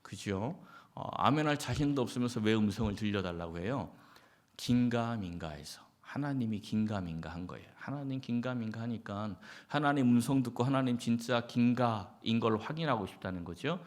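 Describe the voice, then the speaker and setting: A man's voice: medium pitch, lively intonation, moderate pace. Guy pastor doing a sunday sermon, chatty, lots of questions to the room, acts out quotes. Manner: conversational preaching with acted quotes and rhetorical questions.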